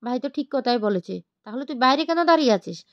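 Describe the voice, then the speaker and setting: A woman's voice: sits high, animated, rapid-fire, no echo, muffled recording. A woman voicing a playful, teasing elder sister-in-law who urges someone on, in a retold TV serial. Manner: playful, urging.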